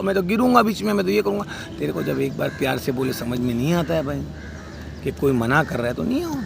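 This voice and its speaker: A man's voice: high voice, vocal fry, a little hiss or hum. A man delivering a heated, scolding rant about a family dispute, outdoors by a street. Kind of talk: angry spoken rant.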